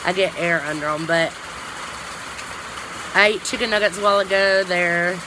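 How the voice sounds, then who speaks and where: A woman's voice: fairly low pitch, moderate pace. A woman chatting casually in a rambling vlog, finger at her teeth as she talks. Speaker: vlogger. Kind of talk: casual chat. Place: outdoors in the rain. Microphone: phone. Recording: phone recording with loud rain noise.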